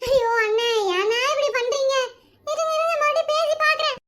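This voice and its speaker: A shrill, chatty cartoon village woman. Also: fairly quick, pushed and bright. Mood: exasperated. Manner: scolding, comic whining. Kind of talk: animated cartoon voice acting.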